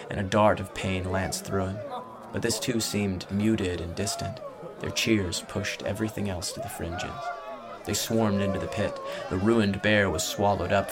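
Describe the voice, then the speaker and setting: Low-voiced man narrating over music. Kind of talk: scripted audiobook narration.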